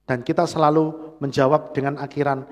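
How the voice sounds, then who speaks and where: A man's voice: a little high, level tone, a little fast, a little mellow, muffled recording. A man with a Central Javanese accent preaching a sermon, often calling on the congregation to answer amen. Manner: engaging, prods the congregation for "amen". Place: church hall. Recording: reverberant church hall.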